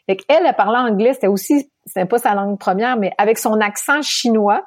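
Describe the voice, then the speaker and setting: A woman from Quebec with a Québécois accent, telling her story as an interview guest, animated and laughing often. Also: mid-range voice, brisk, no echo, studio quality. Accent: Québécois French. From Quebec, Canada.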